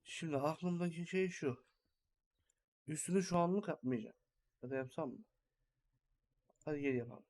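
A man's voice: on the high side, normal speed, pauses often, a little mellow. A young man hosting a gaming channel, giving rambling, think-aloud commentary while he builds in a farming game.

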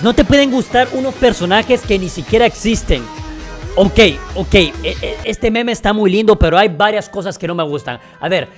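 A man reacting to a video game in casual, excitable commentary that he talks straight to his viewers. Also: high voice. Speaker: gaming video creator.

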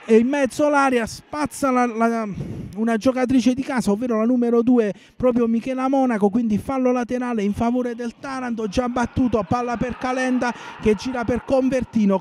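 A man with an extremely high-pitched voice commentates live on a futsal match. He follows play urgently and repeats phrases for emphasis, with clear sports hall noise around him. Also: darkish tone. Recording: noisy sports hall ambience.

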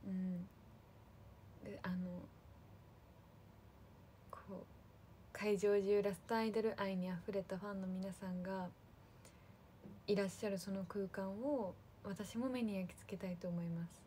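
A woman chatting on a livestream to her fans, casually thanking viewers one by one in a soft, friendly way. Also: mid-range voice, fairly even intonation, unhurried, pauses often, slight background noise. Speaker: idol livestream host.

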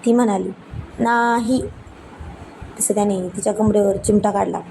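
A woman narrating a romantic story, unhurried and with frequent restarts. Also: medium pitch, flat delivery, vocal fry, dark tone, a little hiss or hum, rough recording.

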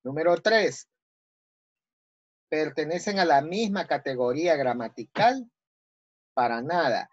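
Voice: medium pitch, animated, a little slow, long pauses, no echo, lo-fi sound. A teacher with an Ecuadorian Spanish accent explaining a language lesson step by step, often checking with "¿sí?". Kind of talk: recorded online class.

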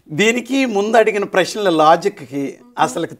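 A middle-aged man teaching scripture as a guest in a Bible study, explaining with lively, storytelling energy. His pitch sits a little high for a man and swings widely as he acts out questions and doubts. He slips English phrases into his talk. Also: measured pace. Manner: animated storytelling, mixes English phrases into Telugu.

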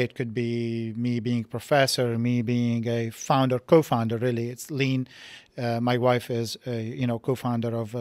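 A man's voice: medium pitch, darkish tone, dry recording. Reflective man from Lebanon, dry studio sound. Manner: reflective, halting with many restarts. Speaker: podcast guest, physics professor. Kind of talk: casual interview talk. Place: studio set with dark curtains. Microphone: boom mic on stand.

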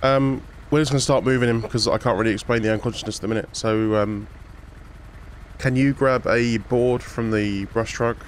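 A man role-playing a paramedic in a game, talking through procedures calmly and reassuring the patient. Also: medium pitch, normal speed, slight background noise. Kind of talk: improvised emergency role-play.

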